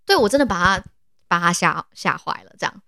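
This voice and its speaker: Animated Taiwanese woman telling stories. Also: lowish voice, brisk, creaky, no room sound, studio quality. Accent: Taiwanese Mandarin. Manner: animated storyteller, laughs often. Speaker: podcast co-host. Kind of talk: casual podcast chat.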